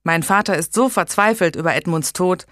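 A firm, level young man cutting in with quiet authority, voiced by a woman narrator. the read is lowish, close and dry with no room sound. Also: fairly quick, no room sound, natural voice. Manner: firm, growling.

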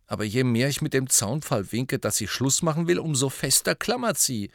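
A man's voice: mid-range voice, lively intonation, normal speed, creaky, dry recording, clean studio sound, pitched above the performer's own voice. A man reading aloud, voicing a gloomy teenage schoolboy who complains glumly.

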